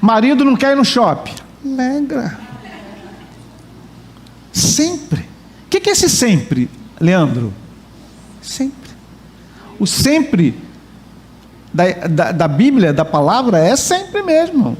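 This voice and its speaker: Brief: man, pastor, high and animated sermon voice, chatty and joking, faint church room noise. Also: slow pace, pauses often. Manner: lively, joking and chatty with the congregation. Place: church hall.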